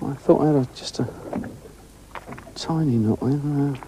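A middle-aged man hosts an angling show from a boat at sea, chatting away and commenting on the catch while he fishes. His voice sits at a medium pitch and moves at an unhurried pace, with noisy surroundings behind him. It's casual on-location commentary, delivered in a chatty, excitable way.

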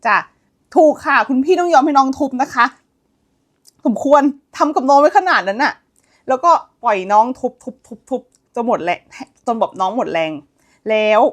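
A young woman retelling a romance novel in a chatty, gossipy way, excitable and teasing, with frequent laughs and squeals. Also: sits high, normal speed. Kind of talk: chatty gossip-style storytelling.

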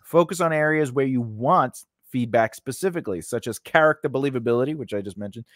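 Here a middle-aged man runs a screenwriting lesson as host, talking quickly and emphatically to camera in a conversational style. His medium-pitched voice has a fairly bright tone. He sits close to a studio condenser mic on a stand in a small cloth-backdropped home studio, and the recording is dry.

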